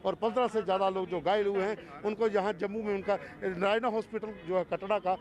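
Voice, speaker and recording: A man's voice: high-pitched, fairly even intonation, quick pace, darkish tone. A male field reporter giving an emphatic, explanatory live report from outdoors. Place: outdoors at a busy pilgrimage town. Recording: outdoor crowd noise. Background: crowd.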